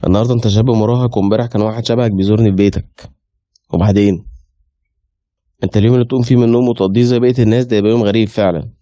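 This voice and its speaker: A man's voice: lowish voice, steady tone, racing, dark tone, dry recording, highs cut off, natural voice. An actor playing an exasperated, lecturing middle-aged male friend with an Egyptian accent, in a radio drama.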